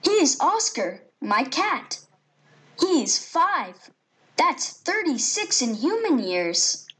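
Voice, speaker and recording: A woman playing a cheerful nine-year-old boy who introduces his family in a high, lively voice for a classroom listening track. He speaks very slowly and clearly, with a bright, sing-song delivery. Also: full character voice. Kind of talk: recorded textbook listening audio.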